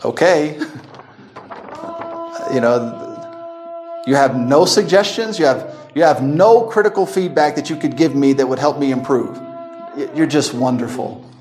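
A man's voice: a little slow, pauses often, darkish tone, soft background music. A man who is a missionary teaching a Bible class in a conversational way, acting out quoted people with changes in his voice. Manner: conversational, acts out quoted people with shifts of pitch, laughs often. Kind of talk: recorded Bible class lecture.

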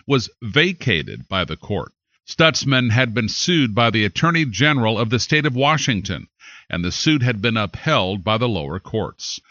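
A man's voice: medium pitch, sharp tone, no room sound, muffled recording. An American man reading scripted news in an emphatic, dramatic announcer style. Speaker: news anchor.

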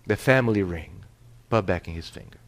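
A forgiving father, a grown man, calling out urgent orders to welcome his lost son home, as a male preacher acts him out within a sermon. His voice sits a little low and is fairly quiet, with a firm, commanding tone. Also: fairly quick, vocal fry.

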